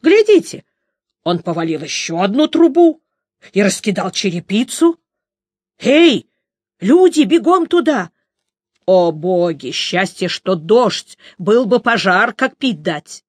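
A woman's voice: medium pitch, very animated, slow, no echo, clean studio sound. A woman voicing an agitated middle-aged man barking orders at a crowd. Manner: shouting, agitated commands.

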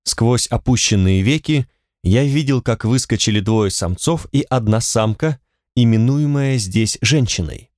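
A man narrates an audiobook in the first person, in a measured, detached way. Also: medium pitch, darkish tone, dry recording, studio quality.

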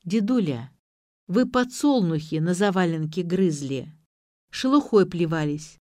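A woman's voice: lowish voice, expressive, unhurried, darkish tone, no room sound, studio quality. A woman voicing a pompous young man who lectures and shows off his learning. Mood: self-assured. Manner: pedantic, showing off.

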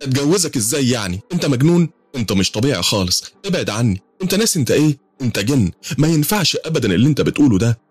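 A man voicing a frightened young female university student in a horror story, pushing his voice high and strained, with an Egyptian accent. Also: sing-song, rapid-fire, slightly rough, no room sound. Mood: alarmed. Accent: Egyptian Arabic.

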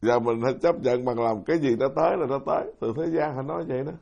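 A man's voice: medium pitch, quick pace, vocal fry, a little mellow, dull audio. A middle-aged man, a Buddhist monk giving a folksy, self-deprecating dharma talk who keeps putting questions to his audience. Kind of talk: sermon.

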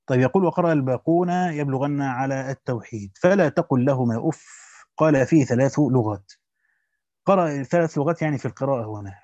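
A man's voice: mid-range voice, darkish tone, dry recording, highs cut off. A man teaching Quran commentary, reading the text aloud and then explaining it in colloquial asides.

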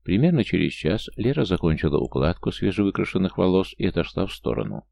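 Audiobook narrator, male, very low and gravelly, measured reading. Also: sing-song, a little mellow. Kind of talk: scripted narration.

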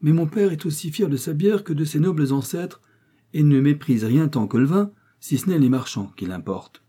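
Man doing a lively proud young lady, higher voice, husky, audiobook character. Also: moderate pace. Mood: teasing.

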